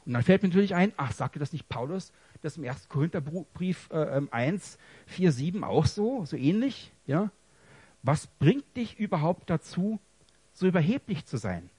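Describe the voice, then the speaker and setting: A man delivers a heartfelt testimony sermon in a husky voice. He moves from hushed, broken confession to raised, pleading cries. The recording is dry and close. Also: a little high, sing-song, moderate pace, no room sound. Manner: emotional, dramatic swings between hushed and loud. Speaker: preacher.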